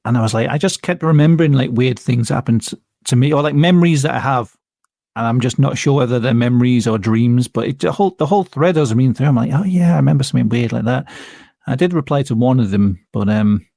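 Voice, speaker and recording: A man's voice: medium pitch, quick pace, warm tone, dry recording, clean studio sound. A man chatting as a podcast guest, easygoing and talkative, with hesitant fillers. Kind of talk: casual chat.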